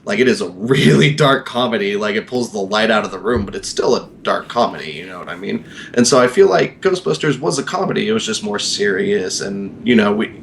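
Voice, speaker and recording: A man's voice: on the low side, lively intonation, a little fast, creaky, hardly any pauses, a bit bright, a little hiss or hum. A man in his mid-twenties chatting casually on a podcast, rambling with lots of fillers and swearing freely. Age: 20s. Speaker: podcast co-host. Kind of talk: casual chat.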